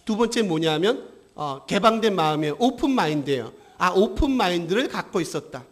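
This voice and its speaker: A man's voice: high-pitched, expressive, a little fast. A male pastor preaching a sermon who asks the congregation questions and answers them himself, rising to fervent emphasis.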